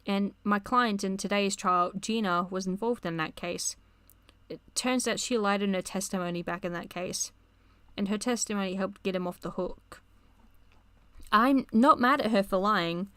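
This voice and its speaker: A woman's voice: medium pitch, moderate pace, pushed and bright, clean tone, no room sound, close to an everyday voice. Woman reading out a young guy lawyer beating himself up, anxious, dry close mic. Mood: remorseful. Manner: read aloud from a chat log. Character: young male lawyer, guilt-ridden and anxious.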